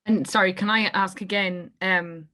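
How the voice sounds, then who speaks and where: A woman's voice: mid-range voice, steady tone, normal speed, bright, forceful tone. An Irish woman on a video call, politely and a little hesitantly asking the presenter to explain the steps again. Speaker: instructor on the call. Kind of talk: asking questions in an online meeting.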